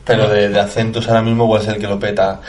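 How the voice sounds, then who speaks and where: A man's voice: fairly low pitch, little pitch movement, fast, a little mellow. A man co-hosting a casual comedy chat, telling anecdotes with a laughing, chatty manner. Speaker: podcast co-host. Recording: roomy echo.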